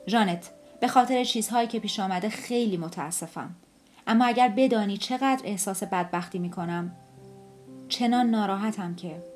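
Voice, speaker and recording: A woman voicing a weary, unhappy middle-aged housewife who speaks in a halting, apologetic way, with faint music behind. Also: medium pitch, close to an everyday voice. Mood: pleading.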